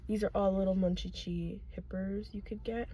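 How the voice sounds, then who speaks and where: A young adult woman chatting casually and excitably as she films an unboxing, given to gushing exclamations. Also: mid-range voice, moderate pace, husky, poor audio. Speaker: unboxing vlogger.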